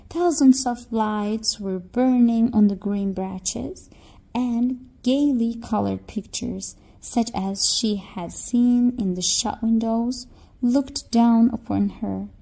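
Slow, mellow woman storyteller. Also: on the high side, low-quality recording. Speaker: children's storyteller. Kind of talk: scripted fairy-tale narration for children.

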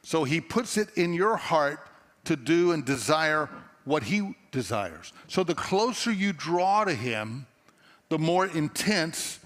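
A man's voice: a little high, fairly bright tone. A middle-aged man with a Texan accent preaching a sermon on a church stage in an earnest, conversational storytelling manner, often restarting his phrases, through a headset mic. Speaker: pastor. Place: large church stage before a seated audience. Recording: long hall reverb from a church auditorium.

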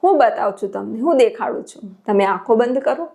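A steady, assured sage who calmly tells others what to do. He speaks in short, quiet instructions, read by a woman narrator in her own somewhat high voice. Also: brisk, gravelly.

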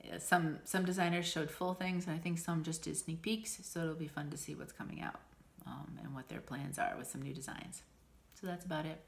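Talking a little fast with hardly any pauses, this woman in her 40s has a low, gravelly, stuffy-nosed voice and a steady tone. She's a stitching vlogger rambling chattily to camera, full of ums and laughs, indoors in a small home room with the camera at desk distance in front.

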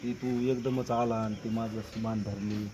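A man's voice: on the low side, little pitch movement, moderate pace, noisy background, lightly acted. A man playing the wife's young lover, defensive and repeating himself, recorded outdoors with crickets. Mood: stubborn.

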